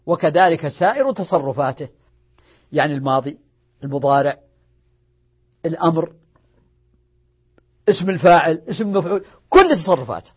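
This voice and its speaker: A man's voice: a little high, lively intonation, normal speed, long pauses, husky. A man, a sheikh, lecturing on grammar who repeats each rule and drills word forms, asking questions and answering them himself. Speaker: sheikh teaching Arabic morphology. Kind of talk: classroom lecture. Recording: dull lo-fi lecture recording.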